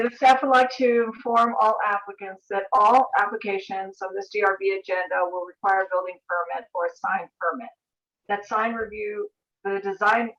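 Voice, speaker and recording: An American woman runs a formal civic board meeting, reading procedure and items aloud. Her voice sits at a middling pitch. The sound is dull and lo-fi, picked up by a meeting room mic. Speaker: board chair running a public meeting.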